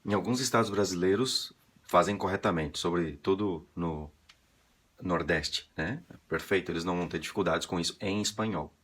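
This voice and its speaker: A Brazilian man giving a casual pronunciation lesson, chatty and full of "né" and "tá", slowly sounding out syllables. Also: low voice, fairly bright tone. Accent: Brazilian Portuguese. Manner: chatty, drawn-out slow demonstrations of syllables, frequent "né" and "tá". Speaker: Spanish pronunciation teacher.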